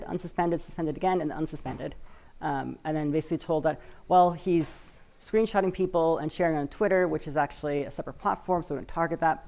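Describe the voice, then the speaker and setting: Onstage at a conference, a woman speaking for a community cooperative addresses the audience in a chatty manner, hedging often and using lots of fillers. She's from Washington State, USA, and her voice is low, gravelly and dark-toned.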